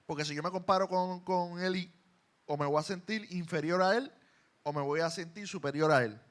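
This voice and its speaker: A man with a Puerto Rican accent preaching a sermon in a church, moving between quiet asides and loud, emphatic lines. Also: high voice, normal speed. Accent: Puerto Rican Spanish. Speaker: pastor.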